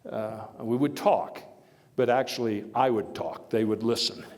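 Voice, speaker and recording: A fairly low, darkish voice belongs to a man dramatizing a hearty, opinionated former U.S. president in first person, halting through stories with wry chuckles and emphatic outbursts as he talks and takes audience questions. The mood is wry and measured, recorded in an echoey hall with long reverb.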